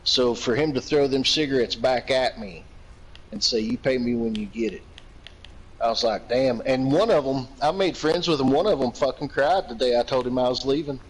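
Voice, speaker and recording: A man's voice: medium pitch, normal speed, low-quality recording. A man from Virginia telling long, profane, rambling anecdotes in casual chat, laughing often. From Virginia, United States.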